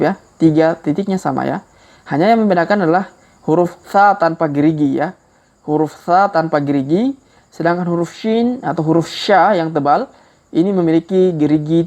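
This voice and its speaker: A woman with a low, deep voice gives a patient reading lesson. She drawls syllables slowly and repeats them for her learners, tagging a checking "ya" onto nearly every phrase. Crickets chirp faintly behind her. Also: a little mellow. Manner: slow, repetitive, ends phrases with a checking "ya". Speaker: Quran reading teacher.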